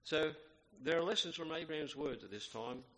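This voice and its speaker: A man's voice: a little high, bright, forceful tone. Man preaching in a reverberant hall. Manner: measured, reverent, with fillers and restarts. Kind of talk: sermon with Bible reading.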